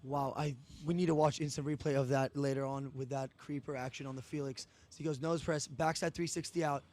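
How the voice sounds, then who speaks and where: A man's voice: medium pitch, steady tone, a little fast, a little mellow. A man giving technical play-by-play sports commentary. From Australia.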